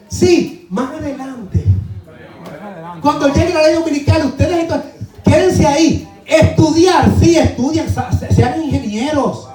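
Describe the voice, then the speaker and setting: A male pastor preaching a fervent sermon, swinging from shouted exclamations to quiet asides as he calls on his brothers in the congregation. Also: very high-pitched, roomy sound. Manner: fervent, rising to shouts and dropping to near-murmurs. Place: church.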